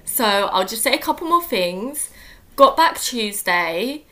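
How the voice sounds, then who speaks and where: A young adult woman chats on a casual podcast, her voice bright and forward. She rambles through a story with frequent fillers, likes and easy laughter, sounding relaxed and talkative. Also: a little high, slow. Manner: chatty, laughs often, many fillers. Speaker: podcast co-host. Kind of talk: casual chat.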